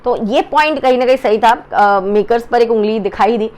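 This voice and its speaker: This is a young woman who recaps reality TV in a loose, chatty way. She sprinkles in English phrases, pauses on filler sounds and speaks in a slightly higher-than-average voice. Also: darkish tone. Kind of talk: casual commentary recap.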